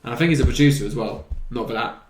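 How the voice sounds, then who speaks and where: Hosting a video game chat show, this man talks at a racing clip in a mid-range voice, with slight background noise. It's a loose, opinionated conversation among friends, and the indoor recording sounds roomy and echoey.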